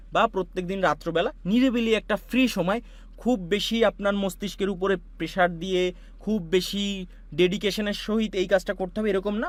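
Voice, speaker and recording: High-voiced man teaching a class. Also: no room sound. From Bangladesh. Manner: patient, repetitive explaining with many asides. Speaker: online course instructor. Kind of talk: screen-share software tutorial.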